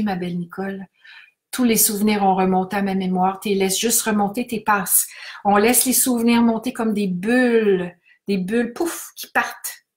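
Calm woman coaching tapping. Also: medium pitch. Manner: calm, repetitive coaching, reading out viewers' comments. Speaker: energy healing coach. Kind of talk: guided tapping session on a livestream. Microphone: webcam or phone on a live broadcast.

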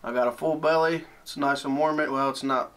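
A man's voice: medium pitch, fairly even intonation, a little fast, fairly bright tone. A plain-spoken, laid-back man talking casually with his son while he vlogs from a small wood-heated cabin. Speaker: outdoors vlogger.

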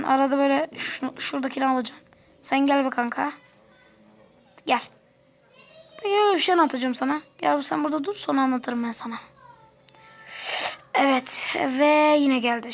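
Woman gamer narrating a let's-play, high voice, chatty and easily annoyed, chats with the characters. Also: normal speed, long pauses, faint music behind. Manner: chatty, grumbles and talks to game characters. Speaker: gameplay commentator. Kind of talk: casual let's-play commentary.

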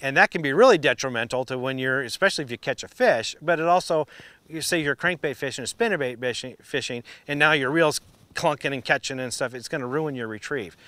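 A man's voice: medium pitch, brisk, no echo. A middle-aged man giving a casual, folksy how-to explanation as a fishing instructor. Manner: excited and exclaiming on the water, chatty and folksy when explaining. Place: outdoors on a fishing boat on a lake for the catch; indoor studio backdrop for the tips.

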